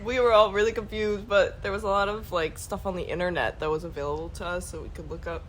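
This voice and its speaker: A woman's voice: mid-range voice, fairly even intonation, fast talker, slight background noise, low-quality recording. A woman in her twenties talking candidly and laughing as a podcast guest. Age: 20s. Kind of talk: casual chat.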